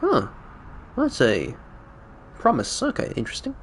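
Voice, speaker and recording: Chuckling and often correcting himself, a Cantonese-native man rambles through casual live-stream chat while gaming with viewers. He speaks at a measured pace in a voice on the high side with huge pitch swings, and a little hiss or hum sits under the audio.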